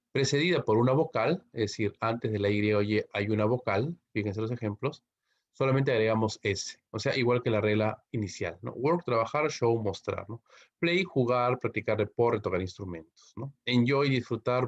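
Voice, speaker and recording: A man with a Peruvian Spanish accent teaches English grammar in a mid-pitched voice, reading the English examples slowly and then translating them. He keeps checking that his students follow with a quick tag question after each point. The recording sounds dull and lo-fi. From Peru.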